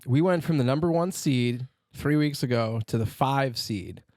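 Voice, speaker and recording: A man's voice: medium pitch, moderate pace, darkish tone, no echo. An American man co-hosting a sports podcast, chatting casually and bluntly with loose, opinionated talk and swearing. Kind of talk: casual, profane sports banter.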